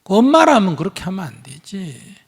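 A man's voice: high-pitched, big pitch swings, normal speed, breathy edge. A man with a Gyeongsang accent, a Buddhist monk answering questions in a live teaching, blunt and emphatic, acting out bits of dialogue. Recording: hall reverb.

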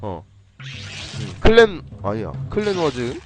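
A man casually commentating his own game play on a live stream, playful and chatty, often clearing his throat. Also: mid-range voice, huge pitch swings, slow pace. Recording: faint game music behind.

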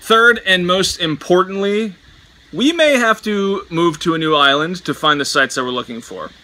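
A man's voice: high-pitched, animated, normal speed, sharp tone. A man in his thirties, a marine biologist, vlogging on a bungalow porch in a wry, dryly humorous way, speaking into a camera held at arm's length. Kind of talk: casual travel vlog. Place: outdoor porch of a tropical bungalow.

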